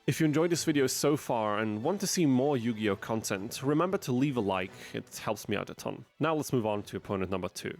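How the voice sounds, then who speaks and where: A man's voice: medium pitch, animated, brisk, few pauses, a little mellow, faint music behind. A man giving scripted gameplay commentary as a channel narrator, with wry, dry asides. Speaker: gaming video narrator.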